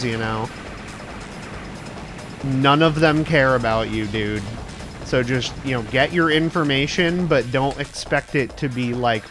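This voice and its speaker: A young man chatting casually on a livestream, rambling earnestly and informally as a VTuber with some swearing. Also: mid-range voice. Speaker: VTuber streamer. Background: background music.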